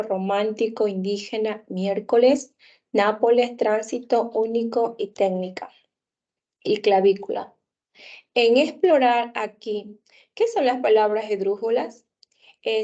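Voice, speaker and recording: A woman, a teacher, walking through a lesson plan in a halting way, with many fillers. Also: fairly high pitch, warm tone, dull audio. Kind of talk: explaining a lesson plan for a class project.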